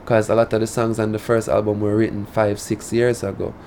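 A Patois-speaking artist from rural Saint Elizabeth, Jamaica, talks casually in an interview with a Jamaican accent and a country drawl. His lowish voice is monotone, a little fast and mellow, with a slight hiss or hum in the recording.

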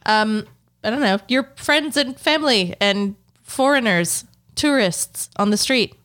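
A woman's voice: a little high, measured pace, a bit bright, clear, resonant tone. Woman podcast co-host; dry, matter-of-fact teaser, casual banter.

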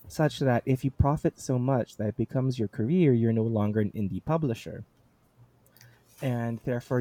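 A man's voice: mid-range voice, mellow, no room sound. A man hosting a book discussion, articulate and enthusiastic, who also reads passages aloud.

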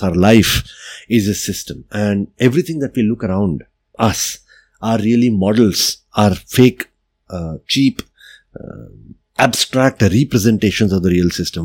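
Middle-aged male podcast host, lowish voice, dry close sound, thoughtful explainer. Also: darkish tone, husky, no echo. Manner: reflective, explanatory, frequent "right?" and "you know". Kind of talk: solo podcast monologue.

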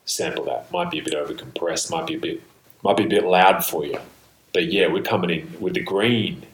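A man with a very deep, low voice rambles playfully through a solo podcast, drifting into whispered asides. He is captured on a built-in laptop mic rather than a real microphone. The sound is roomy and echoey. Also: a little fast, a little hiss or hum. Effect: recorded through a built-in laptop mic instead of a proper microphone. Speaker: podcast host.

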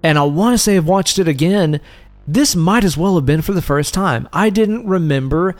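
A man's voice: high voice, animated, moderate pace, no room sound, faint music behind. Laid-back joking male podcast host. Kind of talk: casual podcast chat.

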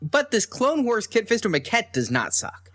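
A man's voice: high voice, huge pitch swings, normal speed, fairly bright tone. A man co-hosting a podcast, chatting casually and wryly about collectibles, with jokes and strong opinions. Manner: wry, joking, opinionated. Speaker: podcast co-host.

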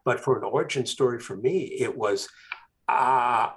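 A man, a guest author, telling a story in a casual interview, with animated emphasis. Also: mid-range voice, normal speed.

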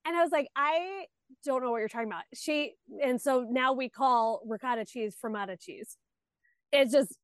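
A woman hosting a podcast, chatting casually in a bubbly, expressive way. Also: high voice, dry recording, studio quality. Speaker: podcast host.

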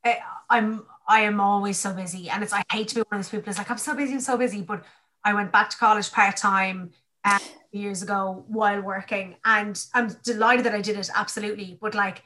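A woman's voice: medium pitch, level tone, fairly quick, sharp tone, poor audio. An Irish-accented woman hosting a casual chat, effusive and informal, often restarting her sentences as she goes. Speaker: podcast host.

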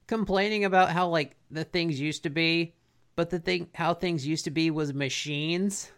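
Gravelly laid-back dude podcaster. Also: male voice, fairly high pitch, fairly bright tone. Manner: laid-back, slangy, drawn-out dude talk. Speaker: podcast co-host. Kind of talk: casual chat recapping a cartoon.

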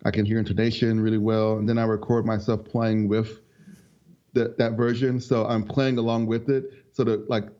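A young multi-instrument musician from North Carolina, with a lowish, mellow voice, chats as a guest in a casual interview. He's laid back and rambling, full of ums and quick laughs, and the lo-fi audio sounds dull and muffled.

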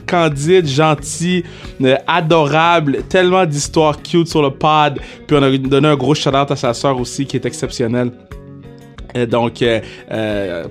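A young man with a Quebec French accent hosting a casual podcast, hyped and playful, dropping English slang into his French. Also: on the high side. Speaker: podcast host.

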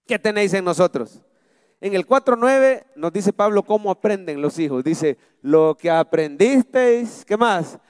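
High-voiced preacher in a hall. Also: male voice, studio quality. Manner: emphatic preaching, rising to loud peaks then dropping soft. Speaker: pastor. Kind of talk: sermon. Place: church hall.

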